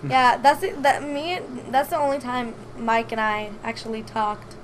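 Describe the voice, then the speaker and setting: Bright high-pitched young woman guest, giggly, animated storyteller; faint hiss underneath. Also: a little slow. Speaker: podcast guest. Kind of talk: casual chat.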